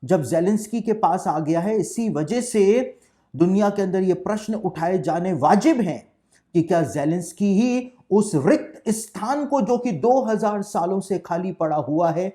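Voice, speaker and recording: A pastor giving a deliberate, explanatory Bible prophecy talk in a preaching style, restating each point twice. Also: male voice, high-pitched, animated, dark tone.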